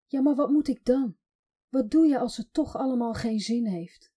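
A woman's voice: medium pitch, measured pace, mellow, breathy edge. A woman voicing an ashamed, worn-down mother of three boys who talks in a hesitant, self-blaming way. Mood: pleading.

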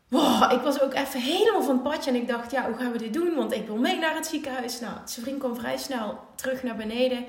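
A woman in her thirties with a Dutch accent, a mother telling a family story in a casual, emotional way and acting out the voices of the people in it. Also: fairly high pitch. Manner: emotional, animated retelling with quoted voices. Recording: echoey room.

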